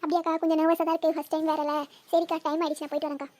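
A woman's voice: high voice, level tone, darkish tone, lightly acted. A woman voicing a nervous young teacher on her first day in a cartoon, talking in a fretful rush. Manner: fretful, hurried.

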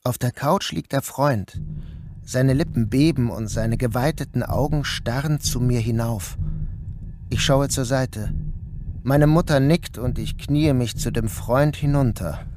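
An unhurried, medium-pitched male voice, lightly acted, narrates a radio play in the first person over a noisy background. The actor portrays a troubled man relating a dreamlike ordeal. His mood comes across as grave and intense.

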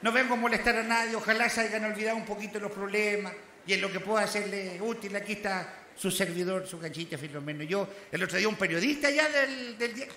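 Bright-voiced Chilean country comedian. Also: male voice, high-pitched, fast talker, a little hiss or hum. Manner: earthy, crude country slang, punchy joke delivery. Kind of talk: stand-up as a rural cowboy character. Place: outdoor festival stage. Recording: echoey festival sound with faint ambience.

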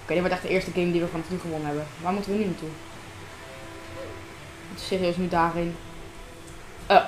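A woman's voice: fairly low pitch, flat delivery, quick pace, roomy sound. A woman chatting casually to herself and her viewers as she plays a game at home, recorded on a desk microphone. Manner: chatty, talks to herself and viewers while playing. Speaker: gamer narrating her own gameplay. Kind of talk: casual gameplay commentary. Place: room at home.

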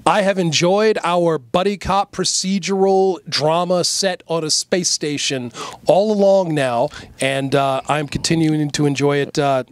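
A man's voice: on the high side, fairly even intonation, measured pace, clear, resonant tone, no room sound. A man hosting a comics show, presenting his picks with a showman-like flourish. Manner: showman-like, addresses "ladies and gentlemen". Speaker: host.

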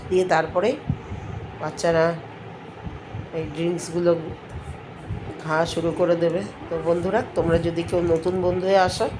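Mature female home cooking vlogger, slightly low voice, blocked stuffy nose, casual step-by-step narration over clear kitchen clatter. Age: middle-aged or older. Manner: chatty, homely step-by-step explaining. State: congested with a cold, blocked stuffy nose and throat, speaking with effort. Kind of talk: casual recipe narration to viewers. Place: at home while preparing drinks. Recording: noisy kitchen with clinking dishes.

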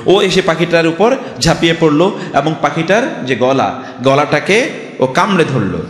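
A man's voice: on the high side, big pitch swings, moderate pace. Emphatic older man preaching in an echoey hall. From Bangladesh. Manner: emphatic, rhetorical questions, storytelling. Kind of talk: Friday sermon.

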